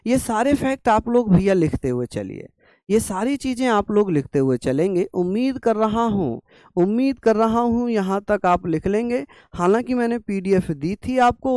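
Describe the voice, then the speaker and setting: A man's voice: sits high, darkish tone, dry recording. A young man teaching an exam-prep class through a sore throat, coaxing and scolding students to write notes. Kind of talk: online exam-prep lecture.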